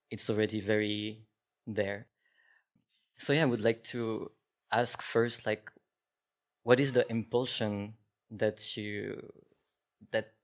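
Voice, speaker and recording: Hesitant male host of a book talk. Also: lowish voice. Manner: hesitant, with many fillers and restarts. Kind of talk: casual moderated conversation.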